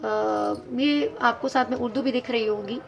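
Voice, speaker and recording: A woman's voice: a little high, unhurried, gravelly, a little hiss or hum. A woman teaching English grammar in a video lesson, patiently explaining step by step and spelling words out letter by letter.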